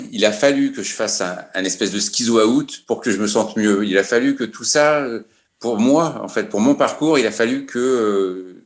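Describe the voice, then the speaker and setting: A man answering a panel question slowly, hesitating with many fillers. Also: fairly low pitch. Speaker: panel speaker.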